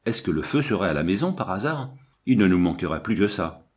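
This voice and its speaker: A man's voice: low voice, sing-song, fairly quick, darkish tone. A man voicing a jittery burglar's accomplice. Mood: worried. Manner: anxious, whispering urgently. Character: nervous male accomplice, a burglar's partner.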